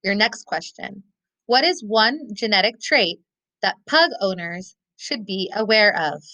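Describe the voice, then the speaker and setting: Bright, clear woman teaching a lesson. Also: medium pitch, animated, dry recording, low-quality recording. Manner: models thinking aloud, slows to stress keywords. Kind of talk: recorded classroom lesson.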